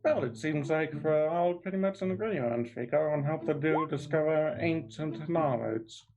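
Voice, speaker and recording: A man's voice: fairly high pitch, normal speed, over music, low-quality recording. A man chatting casually as a player in a tabletop game.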